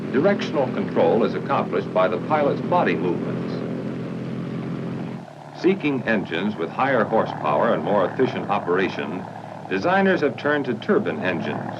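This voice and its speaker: In a muffled, noisy old soundtrack from a 1950s military training film, an American man delivers formal instructional narration at a measured pace. His voice sits on the low side and is very animated.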